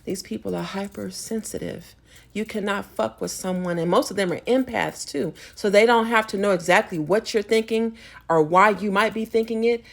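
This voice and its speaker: A woman's voice: medium pitch, normal speed, gravelly. A woman vlogger delivering a spiritual rant, emphatic and preachy, rambling with frequent restarts.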